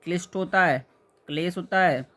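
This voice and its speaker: A man teaching a spelling lesson to exam students, patiently explaining and repeating words slowly while checking that they follow. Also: high-pitched, bright, forceful tone.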